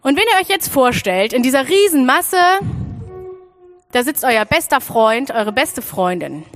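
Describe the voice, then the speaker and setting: A young woman from Freiburg giving an animated children's sermon and speaking straight to her listeners. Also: high voice, measured pace, soft background music. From Freiburg, Germany. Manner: animated storytelling, addresses listeners directly.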